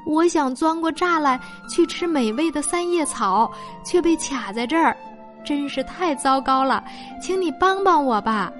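A woman's voice: high-pitched, expressive, a little slow, faint music behind. A woman voicing a distressed young calf that pleads and wails for help in a storybook tale. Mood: pleading. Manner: wailing and pleading.

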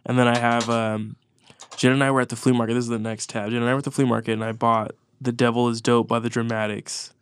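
A congested man rambles through a casual podcast chat, swearing freely and restarting his sentences. His voice stays smooth and level, with little rise and fall, on a close, dry mic. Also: mid-range voice, level tone, fast, dry recording. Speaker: podcast co-host. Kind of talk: casual chat about music.

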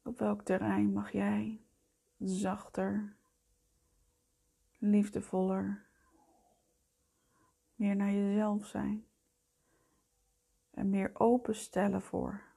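A woman leading a guided meditation in a soft, breathy voice that often fades towards a whisper, soothing, gentle and unhurried. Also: medium pitch, flat delivery. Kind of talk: slow guided meditation narration.

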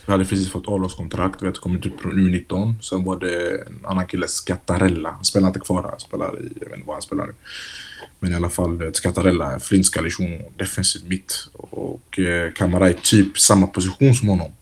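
A young man, a football player being interviewed, telling stories casually with lots of fillers and slang, and growing animated when he acts out what others shouted. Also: low voice, slightly rough. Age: young adult. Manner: relaxed, animated when retelling, heavy "du vet" fillers and street slang. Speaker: youth football player, guest.

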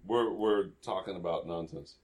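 Low-voiced man with blunt asides. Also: moderate pace, a little mellow. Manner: dry, blunt interjections. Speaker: film commentator. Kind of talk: casual comedic commentary.

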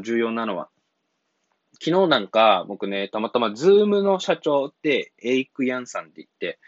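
A man with a lowish voice gives casual English-learning advice on a solo podcast, his pitch swinging widely as he talks. He rambles, chuckles and apologizes when he loses his place. The recording is dry and a little dull. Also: no echo. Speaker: English coaching podcast host.

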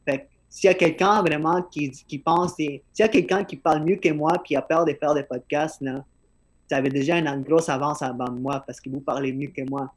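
A man's voice: a little high, steady tone, moderate pace. A podcast host, a man with an accent and slightly slurred articulation, talking earnestly in a casual conversation and often repeating words as he starts a thought. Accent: non-native-sounding French accent.

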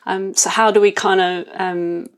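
A woman interviewed as a guest, talking in a reflective, conversational way, thoughtful and hesitant as she pauses to reformulate. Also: medium pitch, fairly even intonation.

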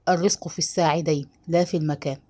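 A woman's voice: low voice, steady tone, rapid-fire, mellow, breathy edge, pitched below the performer's own voice. A woman voicing an anxious young wife who speaks in a worried, pleading way in a read-aloud story.

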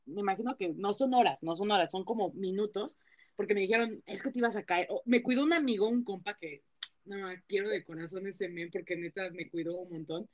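A young woman with a Mexican accent chats casually as a podcast co-host. She tells her stories in a loose, slangy way, full of fillers and restarts, at an ordinary middle pitch. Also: fairly quick, highs cut off. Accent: Mexican Spanish. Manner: chatty, slangy storytelling with many fillers. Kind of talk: casual chat.

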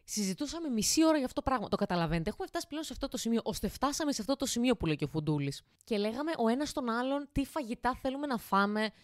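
A woman in her twenties hosts a casual podcast from her home kitchen, cooking as she rambles, swears casually and addresses her listeners directly. Her voice is on the high side and animated, with hardly any pauses. The studio sound is clean, with no room sound.

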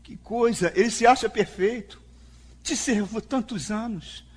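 A man's voice: sits high, a little slow, breathy edge. A man with a Brazilian Portuguese accent preaching a sermon as a pastor, speaking emphatically to the congregation and acting out quoted dialogue. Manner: acts out quoted speech in dialogue.

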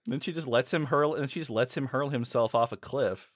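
A man co-hosting a podcast in casual chat, animated and laughing often as he retells scenes. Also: medium pitch, normal speed, no echo. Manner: animated, laughs often, quotes characters in funny voices. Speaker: podcast co-host.

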